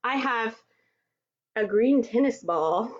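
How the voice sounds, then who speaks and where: A woman's voice: fairly high pitch, expressive, slow, muffled recording. A woman from Texas, a music therapist, leading a children's movement and music class and cheerfully speaking straight to the kids at home. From Texas, USA. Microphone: computer microphone.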